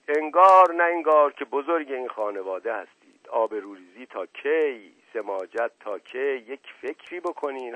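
A man's voice: mid-range voice, dry recording, voice pushed up, lightly acted. A man voicing a reproachful older male colonel in a story reading, scolding and pleading. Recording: dry, slightly dull audio.

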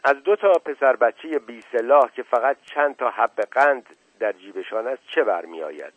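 A man's voice: medium pitch, animated, dry recording, close to an everyday voice. A man voicing an angry father who speaks with indignation in an audiobook, recorded with a tinny sound. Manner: indignant, raised voice. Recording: tinny, dry, phone-like sound.

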